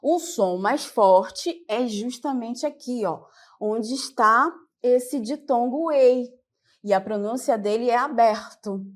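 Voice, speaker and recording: A woman teacher with a Brazilian Portuguese accent gives a televised classroom lesson, explaining step by step and often checking that her students follow. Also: fairly high pitch. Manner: slow and patient, explains step by step with check-ins.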